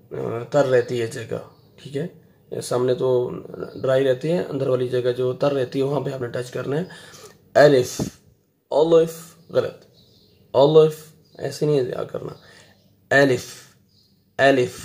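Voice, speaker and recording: A middle-aged man teaching Quranic letters, patiently drilling each sound and repeating it slowly and loudly. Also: medium pitch. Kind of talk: Quran recitation lesson.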